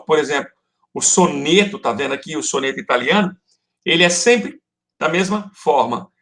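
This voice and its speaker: A man's voice: on the high side, a bit bright. A male Portuguese teacher with a Brazilian accent giving an online class, explaining patiently step by step and calling his students "love". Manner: affectionate, calls students "love" and "folks".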